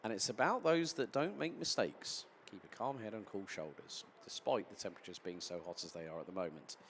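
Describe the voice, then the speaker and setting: A man commentating live on a kart race, turning excitable at incidents and chatty in between. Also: fairly low pitch, brisk, a little hiss or hum. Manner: excitable, rising sharply at incidents then settling into chatty explanation.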